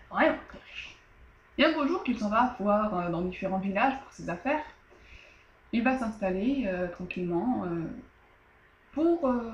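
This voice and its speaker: A woman's voice: medium pitch, reverberant, muffled recording. A woman casually retelling an old tale as a storyteller, loose and chatty with many fillers and asides.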